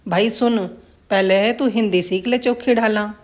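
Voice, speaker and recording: A woman's voice: medium pitch, steady tone, measured pace, close to an everyday voice. A blunt old village man, played by a woman narrator, teases in rustic speech. His talk is earthy and mocking, in the manner of a told folk story. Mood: teasing.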